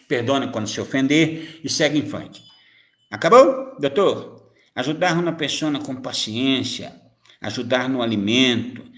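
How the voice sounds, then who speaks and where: In a medium-pitched, fairly bright voice, a male medium offers relaxed spiritual guidance to viewers, joking around and firing off rhetorical questions. The recording carries a roomy echo.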